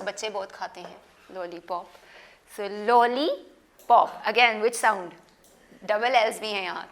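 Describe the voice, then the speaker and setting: A woman teaching a phonics lesson to children, sounding out letters slowly, asking questions and mixing Hindi-Urdu with English words. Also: medium pitch, a bit bright. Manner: slow, drawn-out sounding of letters with questions to pupils. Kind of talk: slow classroom phonics lesson. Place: studio.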